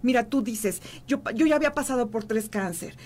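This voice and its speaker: Heartfelt woman guest, higher voice. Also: darkish tone. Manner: heartfelt, pausing often. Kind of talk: emotional interview conversation.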